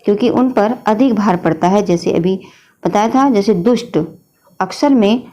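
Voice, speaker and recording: A woman's voice: mid-range voice, normal speed, mellow. A woman teacher explaining a grammar lesson patiently, often addressing her students as children. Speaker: Hindi teacher.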